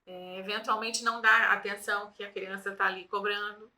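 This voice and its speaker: A woman's voice: medium pitch, steady tone, fairly quick, bright, forceful tone, rough recording. A woman hosting a casual conversation, a mother who talks reflectively and ends many phrases with tag questions. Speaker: host.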